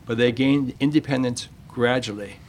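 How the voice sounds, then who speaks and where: A man hosting a radio show, reading a measured, plain-spoken monologue on parenting and then interviewing a guest. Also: medium pitch, a little mellow, slight background noise.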